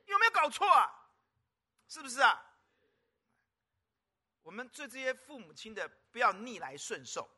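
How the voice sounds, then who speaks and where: A man's voice: high voice, sharp tone. A male pastor preaching a sermon at a church service, constantly calling out to the congregation with rhetorical questions. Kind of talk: lively sermon.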